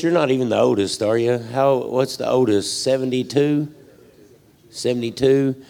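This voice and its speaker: Gravelly folksy ministry leader. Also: male voice, medium pitch, a little mellow. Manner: rambling, folksy, long-winded. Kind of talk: casual speech to a church crowd.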